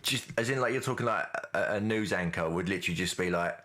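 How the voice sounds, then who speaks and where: A man co-hosting a podcast who reads out odd news stories in a wry, animated way. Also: sits low, fast. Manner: wry, animated, laughs at his own jokes. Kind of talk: reading weird news, casual chat.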